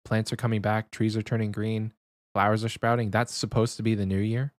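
A young man with a fairly low voice co-hosts a podcast in a loose, conversational way. He holds his volume down as he talks. The recording is dry and close, with no room echo. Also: little pitch movement, a little fast. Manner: talking quietly to avoid waking someone. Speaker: podcast co-host. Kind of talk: casual podcast chat.

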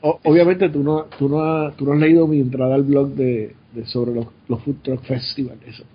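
A man's voice: mid-range voice, level tone, moderate pace, lo-fi sound. A man with a Puerto Rican Spanish accent, co-hosting a casual chat and explaining things in a musing way. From Puerto Rico.

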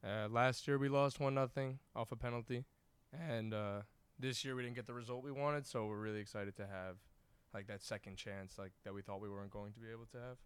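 A man's voice: medium pitch, fairly even intonation, fairly quick, clear, resonant tone. A young American man, a college soccer player from New York, answering interview questions casually in a locker room. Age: young adult. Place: indoors in a team locker room.

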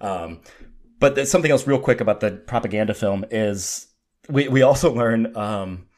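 A man's voice: lowish voice, moderate pace, darkish tone. A man co-hosting a film podcast, breaking down a movie in casual, analytical talk and passing the floor to his co-host. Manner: analytical, hands off to co-host by name.

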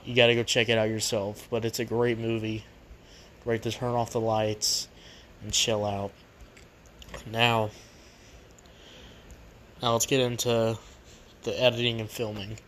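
A man's voice: fairly low pitch, little pitch movement, measured pace, pauses often, a bit bright. A man hosting a casual, unscripted movie review, rambling and repeating himself, recorded on a poor makeshift microphone. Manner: rambling, repetitive. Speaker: movie review show host. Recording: cheap makeshift mic, noisy background.

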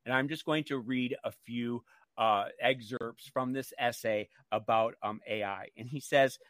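Mid-pitched man on radio, very dry sound. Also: a little slow, a bit bright, no echo. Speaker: radio show co-host. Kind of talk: casual radio talk and reading aloud.

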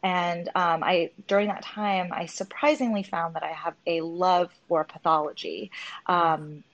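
A woman in her thirties with a somewhat low pitch for a woman speaks as a podcast guest. She explains her medical specialty in a relaxed, unhurried way, often pausing on "um". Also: muffled recording. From born in Hong Kong, raised near Los Angeles. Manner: relaxed, explanatory, frequent "um" fillers. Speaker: dermatologist and interview guest. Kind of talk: podcast interview.

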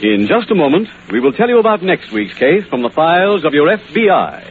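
A male announcer giving the sponsor's message and closing credits in a formal, polished pitchman manner, heard as an old radio broadcast transcription. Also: big pitch swings, brisk. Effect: old broadcast disc transcription sound. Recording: tinny vintage radio transcription with music.

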